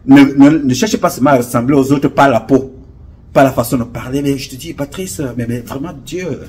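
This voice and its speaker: Brisk and slightly rough, this man's mid-range voice has a slightly mellow quality. A Cameroonian French-accented online commentator, he rambles through a fervent, preachy monologue, repeating himself as he offers casual commentary.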